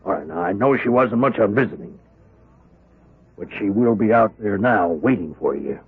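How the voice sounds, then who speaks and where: Heard on a tinny, muffled vintage radio broadcast, a husky, lowish male voice at normal speed belongs to an actor playing a prison warden. The character is stern but paternal, lecturing heartily and with impatience.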